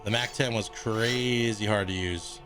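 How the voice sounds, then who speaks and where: Laid-back low-voiced gaming streamer. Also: male voice, steady tone, a little slow, over music. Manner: laid-back, swears freely, thinks aloud. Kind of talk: casual gaming livestream commentary.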